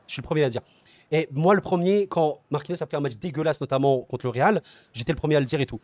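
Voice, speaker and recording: A man's voice: on the high side, fast, a little mellow, dry recording. A man hosting a solo football debrief, talking passionately and directly to his viewers, often repeating words and restarting phrases as he thinks aloud. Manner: passionate, talks straight to viewers as friends. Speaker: football channel host.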